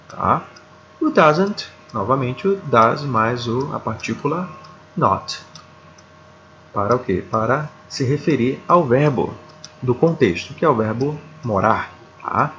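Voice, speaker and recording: A man with a Brazilian Portuguese accent teaching an English grammar lesson, slow and deliberate, often repeating words and checking in with his students. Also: medium pitch, fairly bright tone, dull audio, slight background noise. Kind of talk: video lesson explaining grammar.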